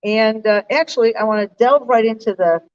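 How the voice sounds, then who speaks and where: On stage at a live talk, an American co-host who directs an organization addresses the crowd in an articulate, conversational way. She speaks a little fast, with a fairly high, slightly mellow voice. The recording sounds far off and muffled, typical of a live event.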